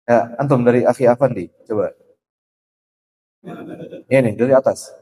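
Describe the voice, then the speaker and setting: A man teaching a Quran recitation class in a mosque, repeating letter sounds slowly to show how they are said. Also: mid-range voice, warm tone, husky. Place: mosque study session.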